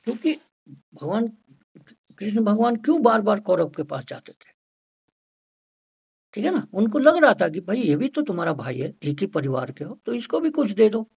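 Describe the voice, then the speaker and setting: A man's voice: high voice, sing-song, normal speed, vocal fry, long pauses, darkish tone, husky. A man lecturing a class on homeopathy, mixing in English and constantly checking whether his students follow. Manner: mixes English into explanations. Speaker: homeopathy teacher. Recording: dull lo-fi recording.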